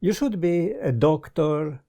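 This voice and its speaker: An older man with a Hungarian accent, talking in a thoughtful, halting way with many pauses, interviewed in a book-lined study on a lapel mic. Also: a little high, lively intonation, dark tone. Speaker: guest. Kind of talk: casual conversation. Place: study lined with bookshelves, indoors.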